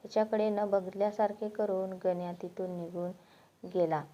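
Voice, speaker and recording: A woman narrating a moral story with a steady, unhurried reading. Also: mid-range voice. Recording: dull lo-fi recording.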